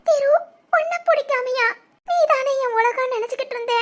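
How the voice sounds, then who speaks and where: A woman voicing a sobbing young bride, very high. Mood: tearful. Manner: sobbing, halting, stammering apologies. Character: young pregnant bride, tearful and apologetic. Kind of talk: dubbed cartoon drama.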